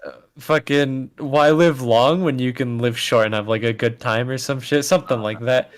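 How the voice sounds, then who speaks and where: A man's voice: mid-range voice, fairly even intonation, moderate pace. A young man co-hosting a podcast, blunt in casual chat and swearing freely. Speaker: podcast co-host.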